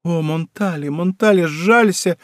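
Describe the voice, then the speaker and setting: Man voicing timid anxious young girl, hushed, pleading, lifted pitch, close dry mic. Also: very animated, extremely slow, no room sound, heavily acted. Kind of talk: audiobook character voice.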